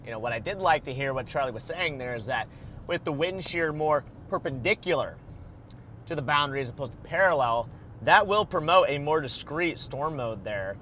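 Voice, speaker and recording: A bright-voiced man talks through a live storm chase from the driver's seat, rambling and thinking aloud. Faint road noise hums under his voice. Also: mid-range voice. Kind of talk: casual live commentary from a car. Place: in a moving car.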